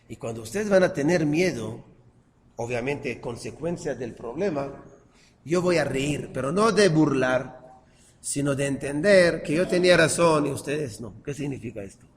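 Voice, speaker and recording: A male teacher leads a class, reading verses at a measured pace before unpacking them. He keeps asking rhetorical questions as he explains. His voice sits a little high and rings with a long room reverb. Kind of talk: classroom lecture on scripture.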